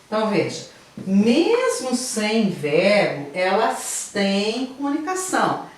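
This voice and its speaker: A woman's voice: mid-range voice, huge pitch swings, slow pace, far from the mic. A woman teacher with a Brazilian Portuguese accent giving a grammar lesson, explaining patiently step by step and checking in with her students. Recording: very echoey room, voice from afar.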